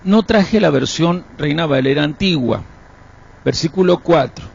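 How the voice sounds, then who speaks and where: A man leading a live-streamed Bible class, explaining texts and checking understanding with quick rhetorical questions. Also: on the high side, animated, a little mellow. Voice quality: gravelly, husky. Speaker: Bible teacher. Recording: dull lo-fi stream audio.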